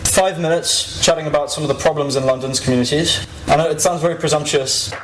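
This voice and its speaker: A man's voice: fairly high pitch, quick pace, roomy sound, slight background noise, poor audio. A 21-year-old man giving an informal, reflective podium speech to an audience, with some hesitancy. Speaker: activist giving a talk. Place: live event stage before an audience.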